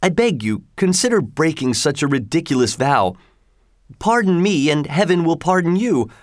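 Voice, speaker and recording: A man's voice: fairly high pitch, animated, a little slow, no room sound, studio quality, pitched above the performer's own voice. A man doing a pleading, frightened fisherman. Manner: pleading, raised and anxious. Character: pleading poor male fisherman, a frightened father.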